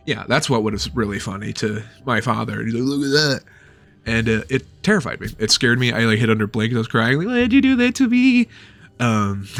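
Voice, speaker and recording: A man's voice: on the low side, a bit bright. A man in his thirties giving a loose, rambling book review at home, swearing freely.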